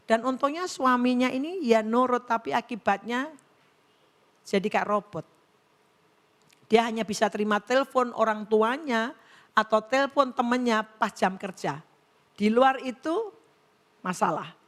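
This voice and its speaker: A middle-aged woman pastor preaching at a women's church service, telling stories and quoting people in lively voices. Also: a little high, a little slow, long pauses. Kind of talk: sermon.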